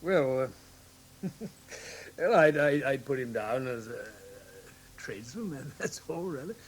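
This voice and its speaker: An English actor playing a polite, modest gentleman doctor and loyal companion in a classic radio drama, slightly hesitant and genial. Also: mid-range voice, expressive, slow pace, breathy edge. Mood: bashful.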